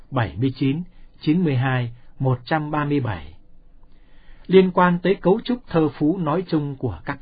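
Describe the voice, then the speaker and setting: Husky-voiced man reading a lesson. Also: medium pitch. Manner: even, measured recitation of long number lists. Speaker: reader of a study text. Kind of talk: steady scripted reading of a scripture lesson. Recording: dull lo-fi recording.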